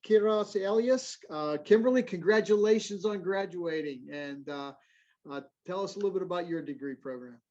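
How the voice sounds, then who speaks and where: A man hosting a graduation ceremony over a video call, friendly and halting, with many fillers. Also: a little mellow. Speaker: ceremony host. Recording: muffled low-fidelity audio.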